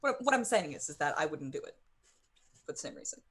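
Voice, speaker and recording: A woman's voice: low-pitched, very animated, fast talker, fairly bright tone. A woman playing a tabletop game, talking casually, partly in character. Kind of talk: casual in-character role-play.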